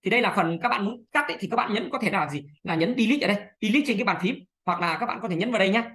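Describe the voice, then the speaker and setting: A woman talks viewers through a screen-recorded software tutorial at a fast clip. Her delivery is chatty and full of small fillers and pointing words as she clicks around. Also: medium pitch. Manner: chatty, fillers, many "đây này" pointers. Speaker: video editing tutor.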